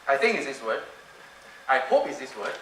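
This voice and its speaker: Very animated and pushed, his bright medium-pitched voice moves at a moderate pace through a mind-reading trick at a conference. He playfully coaxes the audience and repeats his lines, and the distant mic in the roomy hall catches background noise, laughter and room sound.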